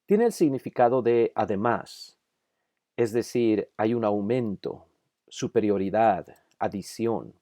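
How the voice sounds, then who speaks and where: A man's voice: on the low side, expressive, takes it slowly, warm tone, dry recording, clean studio sound. A man narrating a scripted grammar lesson for Bible institute students, carefully over-articulating each example word.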